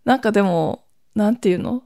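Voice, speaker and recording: A woman's voice: medium pitch, a little fast, gravelly, dark tone, dry recording, studio quality. A woman in her forties hosting her own podcast at home at night, chatting in a rambling way, laughing at herself and keeping her voice down. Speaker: podcast host. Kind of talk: casual solo chat.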